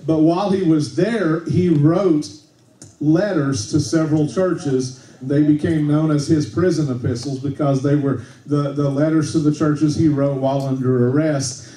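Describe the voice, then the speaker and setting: A man's voice: a little high, dark tone. Conversational preacher man in echoey church. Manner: conversational, tag questions like okay, frequent restarts. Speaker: pastor. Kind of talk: sermon. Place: church sanctuary. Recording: echoey church room, mic at a distance.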